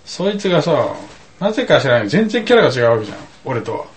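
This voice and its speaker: A man's voice: a little high, big pitch swings, fast, poor audio. A man telling a rambling anecdote in casual chat, full of asides and comic emphasis. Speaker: storyteller.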